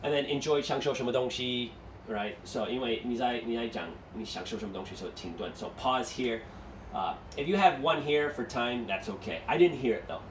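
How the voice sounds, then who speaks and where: Speaking fairly quickly in a mid-range voice, this male English teacher explains material one step at a time and asks his class questions, moving between Mandarin and English. There's slight background noise, the room echoes, and the mic is far off.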